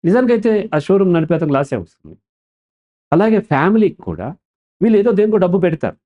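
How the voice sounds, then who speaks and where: A man's voice: high voice, fast, muffled recording. A man speaking as a counselor in an interview, in an explanatory tone, who often asks a question and then answers it himself. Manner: animated, asks and answers his own questions. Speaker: counselor guest.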